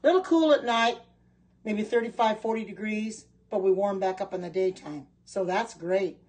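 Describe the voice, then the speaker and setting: A middle-aged Oregon woman who hosts livestreams and sells kitchen products chats casually, reading out viewer comments and answering them as she goes. Her medium-pitched voice moves at a normal speed, a little mellow with a breathy edge, and the audio is poor.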